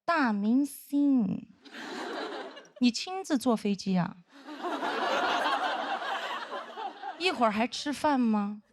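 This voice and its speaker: A woman's voice: on the high side, lively intonation, takes it slowly, a little mellow. A woman voicing a bossy, sneering male senior flight attendant who bullies a junior, in a stand-up routine. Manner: snide, bullying, sarcastic.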